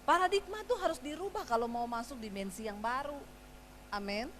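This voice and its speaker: Brief: middle-aged woman preacher, slightly high voice, animated storytelling, faint hum behind. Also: normal speed. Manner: animated, acts out quarrels with her husband, shifting loud and soft. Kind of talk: sermon with storytelling.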